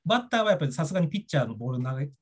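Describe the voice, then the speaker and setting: Fast-talking husky man, lively and laughing. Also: on the high side. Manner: lively, laughing, self-deprecating storyteller. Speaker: guest author and art teller. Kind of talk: casual podcast chat.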